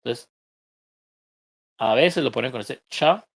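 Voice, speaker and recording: A man's voice: medium pitch, animated, slow pace, gravelly, fairly bright tone, no room sound. A Colombian man leads an online English reading class, explaining pronunciation step by step. He drops joking asides along the way. His voice sits mid-range and sounds dry and close. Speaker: English teacher.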